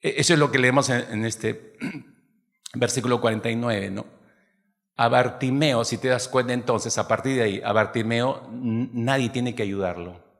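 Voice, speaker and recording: A man preaching a sermon to his congregation, lively, acting out the voices of people in the story. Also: mid-range voice, normal speed, creaky, long reverb tail. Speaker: pastor.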